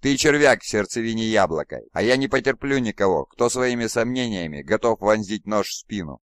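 A man's voice: on the low side, animated, a little fast, dry recording, voice pushed up, natural voice. A furious, arrogant demigod warlord, voiced by a man reading an audiobook, bellowing in a raised, strained voice. He spits contempt at those beneath him and demands obedience. The read is dry and close. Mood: contemptuous. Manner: imperious, raging, contemptuous shouting. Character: arrogant wrathful demigod warlord, male, towering.

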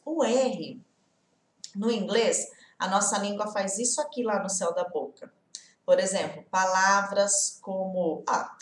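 A woman's voice: medium pitch, reverberant. A young Brazilian woman with a Portuguese accent from the interior of São Paulo state, teaching English in a casual online lesson. She talks patiently and often checks in with the viewer.

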